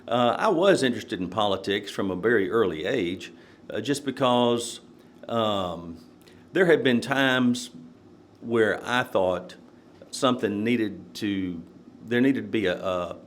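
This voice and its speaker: A man's voice: on the low side, expressive, takes it slowly, a little hiss or hum. An older man from Nashville, a guest on a podcast, talks casually and rambles through stories with many fillers and short chuckles. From Nashville, Tennessee. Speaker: podcast guest, court candidate. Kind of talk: casual interview, storytelling.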